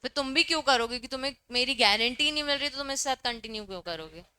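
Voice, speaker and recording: A woman's voice: high-pitched, fast, pushed and bright, clean tone. A young woman teaching a law class, explaining with everyday examples and mixing Hindi and English terms.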